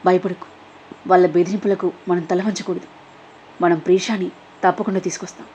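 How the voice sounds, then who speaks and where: A man's voice: high voice, level tone, a little fast, a little mellow, slight background noise, natural voice. A woman voicing a young man who comforts a frightened girl firmly. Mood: reassuring. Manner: reassuring, firm. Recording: dull lo-fi recording.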